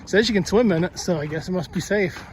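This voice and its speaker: A man's voice: high voice, fast, background noise. A man talking casually to viewers while walking outdoors, laughing often. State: winded, out of breath. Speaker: vlogger. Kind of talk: casual outdoor vlog narration. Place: outdoors by water and trails.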